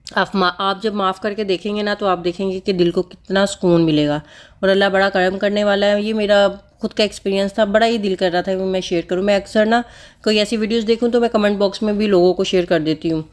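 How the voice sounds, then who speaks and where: A woman's voice: mid-range voice, fairly even intonation, fast. A woman vlogger with school-age children, earnestly explaining a personal practice to viewers in a casual, repetitive, instructive way. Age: adult with school-age children. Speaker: vlogger sharing personal religious advice. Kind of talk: casual heartfelt talk to viewers.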